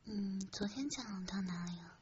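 A woman's voice: mid-range voice, normal speed. A young woman whispers close to the mic as she hosts a late-night stream, teasing her listeners playfully. The sound is a little dull and lo-fi, with faint hiss and the odd click behind her. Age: young adult. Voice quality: soft whispering. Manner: teasing, playful, reads comments. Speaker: radio streamer host. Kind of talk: whispered live-stream chat.

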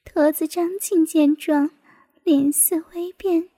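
A woman reading a martial arts novel aloud in a hushed, half-whispered narration. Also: very high-pitched, steady tone, takes it slowly, no echo. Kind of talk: storybook narration.

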